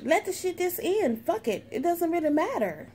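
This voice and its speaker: A woman's voice: very high-pitched, big pitch swings, moderate pace, a little mellow, a little hiss or hum. A woman doing a sassy, profane tarot reading in a brash, sarcastic way, swearing constantly. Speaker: tarot reader.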